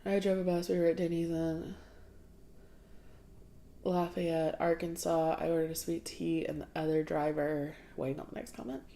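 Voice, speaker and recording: A young Southern woman hosts a casual livestream, answering viewer questions in a low, mellow voice with flat delivery at a moderate pace. She laughs often and sniffles from draining sinuses.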